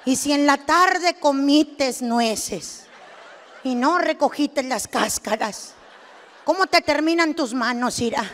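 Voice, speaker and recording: A young adult woman with a Mexican accent doing stand-up comedy, telling a story and acting out both sides with loud exclamations. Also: high voice, slow. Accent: Mexican Spanish. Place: stage before a live audience.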